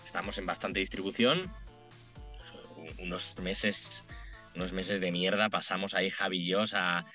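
Speaking colloquially as a podcast interview guest, a late-thirties entrepreneur from Madrid talks in a Madrid Spanish accent. His low-pitched voice is pushed and bright, fairly even in intonation, at a normal speed. Faint music plays behind him.

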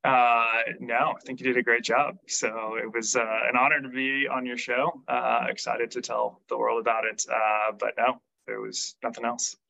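A man's voice: mid-range voice, moderate pace, vocal fry, few pauses, low-quality recording. A young adult man talking casually as a podcast guest, with plenty of fillers and restarts. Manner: relaxed, frequent fillers and restarts. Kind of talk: casual interview talk.

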